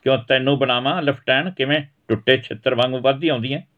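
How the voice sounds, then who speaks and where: A man's voice: mid-range voice, fairly even intonation, fast talker, far from the mic, narrow, tinny audio, voice pushed up, lightly acted. A man voicing a village mother who nags and scolds sarcastically in a storybook reading. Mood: scolding. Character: sharp-tongued village mother.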